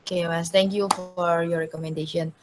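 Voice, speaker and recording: A woman's voice: lowish voice, level tone, measured pace, noisy background. Chatty young woman podcast host. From Indonesia. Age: young adult. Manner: friendly, chatty, asks questions with fillers. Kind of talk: casual podcast interview.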